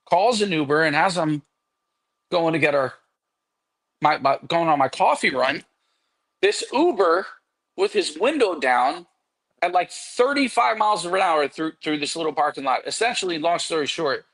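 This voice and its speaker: Animated, profane storyteller, fairly high voice. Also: male voice, measured pace. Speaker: podcast guest musician. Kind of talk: casual anecdote telling.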